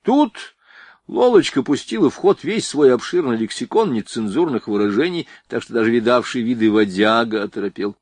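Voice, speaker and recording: A man's voice: mid-range voice, normal speed, no room sound. A man narrating a novel expressively as an audiobook reader. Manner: expressive, varied voicing. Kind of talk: scripted narration.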